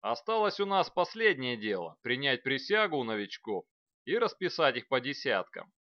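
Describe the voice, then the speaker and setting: A man voicing a gruff male mercenary commander who barks orders at a parade of troops, loud and raised in pitch, in a dry, slightly dull recording. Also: very animated, normal speed, no echo, natural voice. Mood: shouting orders. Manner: loud barking parade-ground shouting. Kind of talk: audiobook character voice.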